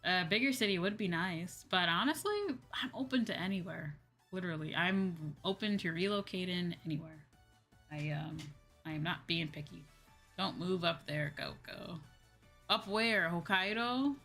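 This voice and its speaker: Her voice sits lowish and fairly bright, moving at normal speed: an American woman from the Midwest who streams as a VTuber. Over background music she chats informally with viewers, answering their comments and repeating phrases for emphasis.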